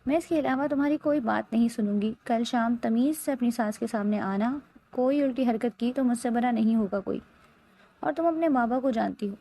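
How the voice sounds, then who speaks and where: A stern, domineering middle-aged mother from a spoken storybook, as a woman narrator puts her on. The voice is a little high, with a gravelly edge and a mellow, dark tone. She lays down orders without room for reply. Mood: angry scolding. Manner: domineering, scolding.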